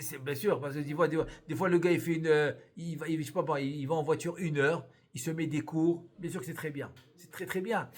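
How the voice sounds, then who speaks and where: A man teaching a live Torah lesson as a rabbi, animated, repeating key words and answering his own questions. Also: fairly high pitch.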